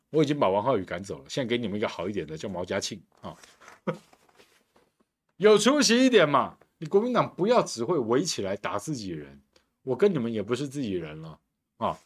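A man's voice: mid-range voice, breathy edge. A man hosting a podcast, delivering a combative, sarcastic political commentary monologue. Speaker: podcast host and council candidate.

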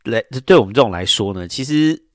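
A man's voice: fairly low pitch, expressive, brisk, no echo, clean studio sound. A man hosting a podcast, telling a story in a casual, rambling way with many fillers. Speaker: podcast host.

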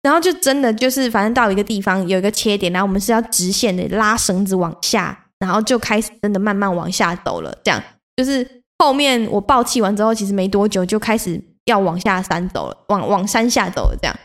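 A young woman hosting a podcast, telling stories in a casual, animated way, swearing freely and acting out her own outbursts. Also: mid-range voice, quick pace. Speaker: podcast host. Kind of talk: casual solo storytelling.

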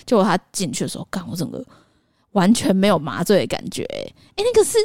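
A young woman, co-hosting a podcast and telling a personal story in a lively way that includes some swearing. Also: lowish voice, quick pace, creaky, no echo, clean studio sound. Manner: animated, vivid retelling with mild swearing. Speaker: podcast co-host. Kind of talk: casual chat, personal storytelling.

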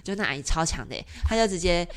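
A woman with a Taiwanese Mandarin accent and a low voice chats casually. She talks very quickly, telling stories with emphatic repeats and spoken sound effects. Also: lively intonation. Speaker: volunteer cat trapper on a podcast. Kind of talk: casual anecdotal chat.

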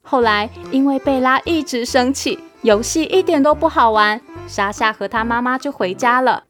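A woman narrating a children's storybook in a lively, expressive way. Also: fairly high pitch, normal speed, soft background music.

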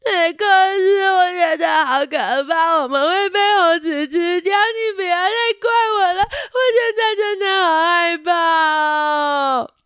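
Woman voicing a timid beetle boy, storybook figure, high stammering voice, sobs, dry sound. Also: steady tone, takes it slowly, darkish tone, dry recording, heavily acted. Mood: sobbing. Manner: stammering, whimpering. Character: timid boastful young male beetle.

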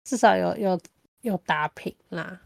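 A woman's voice: fairly low pitch, measured pace, gravelly, dry recording. Taiwanese-accented woman chatting, close dry sound. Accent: Taiwanese Mandarin. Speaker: podcast host. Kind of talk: casual chat.

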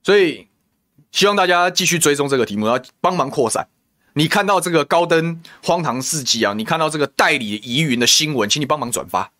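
A man's voice: on the high side, animated, fairly quick, bright, forceful tone. A man with a Taiwanese Mandarin accent hosting a political talk show, venting in heated commentary full of rhetorical questions and insults. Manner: indignant, rhetorical, name-calling.

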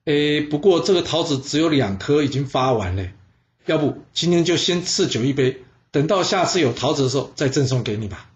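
A man doing a sly, smooth minister. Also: a little high, animated, fairly quick, lightly acted. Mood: coaxing. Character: shrewd, smooth-talking male chief minister. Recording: dull lo-fi sound.

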